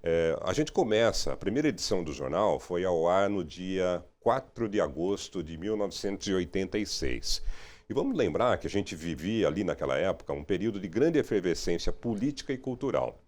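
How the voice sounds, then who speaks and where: Middle-aged man, very low voice, lively intonation, reflective interview talk. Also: fairly quick. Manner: reflective, frequent "né?" tags. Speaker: radio and TV journalist. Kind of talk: relaxed interview conversation.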